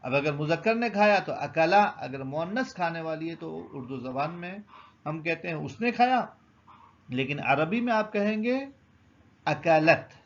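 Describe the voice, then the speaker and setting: A man's voice: on the high side, lively intonation, muffled recording. A man teaching a beginner grammar lesson, patiently explaining, asking questions and then answering them himself.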